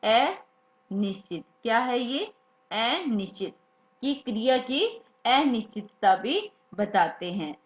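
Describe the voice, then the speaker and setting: Slow, echoey woman teacher. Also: on the high side, very animated. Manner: slow, repeats key words as questions to students. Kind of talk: Hindi grammar lesson. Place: classroom or study room, writing examples. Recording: echoey room, dull lo-fi sound.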